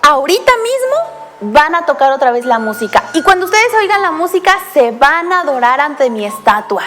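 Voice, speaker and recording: A woman's voice: high-pitched, very animated, moderate pace, a bit bright, soft background music. A woman voicing an angry, demanding ancient king while telling a Bible story to children, sounding commanding and impatient.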